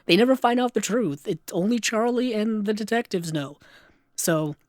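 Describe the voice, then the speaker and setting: A man co-hosting a casual film podcast, retelling scenes with lively put-on voices. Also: high voice, dry recording, studio quality. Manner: animated, acts out scenes in quick put-on voices. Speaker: podcast co-host.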